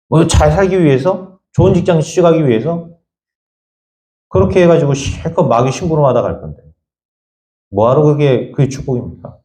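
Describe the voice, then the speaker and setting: A male pastor preaching a sermon, firing rhetorical questions at the congregation and swinging between raised high lines and quiet low asides. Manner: emphatic, fires repeated rhetorical questions at the congregation. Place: church sanctuary. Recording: echoey church room.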